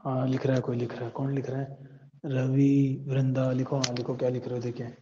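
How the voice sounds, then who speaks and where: A male teacher with an Indian accent, giving an online class and urging his students to answer quickly, mixing Hindi with English. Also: mid-range voice, monotone, warm tone, slight background noise. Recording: dull echoey room sound.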